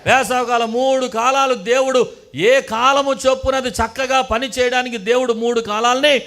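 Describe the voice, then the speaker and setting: A male pastor preaches in a high, ringing voice. He leads the congregation in call and response and acts out sample prayers, building to emphatic rising bursts. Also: steady tone, moderate pace, a bit bright. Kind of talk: sermon.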